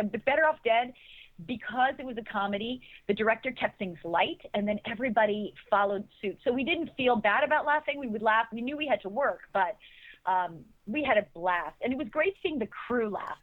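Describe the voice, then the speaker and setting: A woman's voice: fairly high pitch, no echo. A middle-aged actress answering interview questions, enthusiastic and rambling, often restarting her sentences. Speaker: actress guest. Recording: tinny phone-like line, dry.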